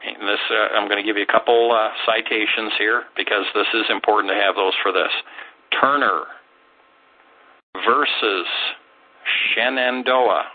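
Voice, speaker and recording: A man dictating legal citations slowly and carefully, spelling things out piece by piece as he reads aloud. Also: on the low side, steady tone. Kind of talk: reading aloud legal material with spoken asides. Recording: phone-like, narrow-band radio sound.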